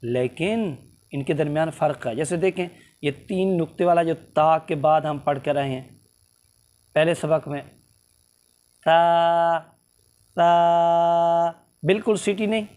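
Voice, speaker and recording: A man teaching a tajweed lesson, explaining slowly and drawing out letter sounds to demonstrate them. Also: fairly high pitch, darkish tone. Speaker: Quran recitation teacher.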